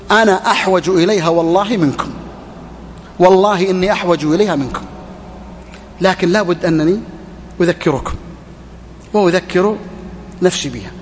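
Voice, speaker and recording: A man's voice: high voice, long reverb tail, slight background noise. A middle-aged man giving a religious lesson, exhorting with rhetorical questions and repeated phrases. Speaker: sheikh teaching hadith.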